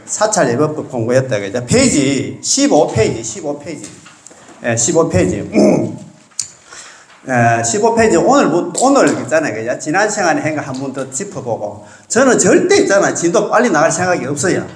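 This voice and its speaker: A man, a Buddhist monk, teaches a class in a casual lecture style with a lilt. His voice sits fairly high and swings up and down a lot. He keeps asking his listeners to agree, and the room adds a clear echo. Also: sing-song, normal speed, slight background noise.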